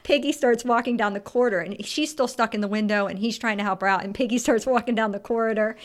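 A woman podcast host chatting casually, retelling a film's scenes in an animated way and laughing often. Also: fairly high pitch, fast. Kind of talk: casual film podcast chat.

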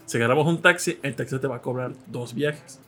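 A man's voice: mid-range voice, brisk. A man with a Mexican accent, hosting a casual podcast chat and telling stories while acting out the people he quotes. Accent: Mexican Spanish. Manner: animated storyteller, acts out quoted voices. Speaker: podcast host.

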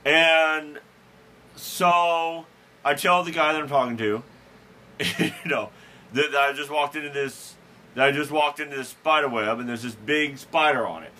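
Unhurried and fairly high-pitched, this podcast host's bright, forceful voice carries a rambling, self-deprecating anecdote in casual chat, punctuated by chuckles, fillers and frequent restarts. A little hiss or hum sits in the audio.

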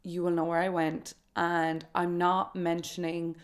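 Hers is an unhurried, smooth voice on the low side, delivered in a monotone with a County Kerry accent from Ireland's southwest. The twenty-something podcast host talks casually and confidingly on her own, recounting personal stories for listeners.

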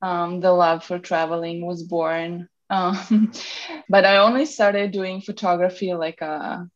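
A woman's voice: lowish voice, steady tone, slow pace, muffled recording. A woman from Serbia with a Serbian accent, chatting relaxedly as a podcast guest, with many ums and restarts. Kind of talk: casual interview chat.

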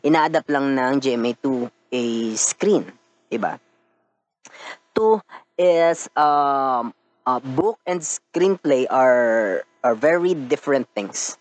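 A man's voice: medium pitch, lively intonation, slow pace, no echo, dull audio. Chatty Filipino man with a cold. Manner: chatty, laughs often, mixes in English. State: stuffy from a cold. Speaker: podcast host. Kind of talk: casual podcast chat.

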